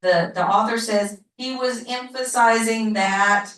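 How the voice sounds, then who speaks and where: Slow, roomy woman teaching a Bible class. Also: on the high side, a bit bright, distant mic. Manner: slow, repetitive, asks the class questions. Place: church classroom. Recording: roomy, from off mic.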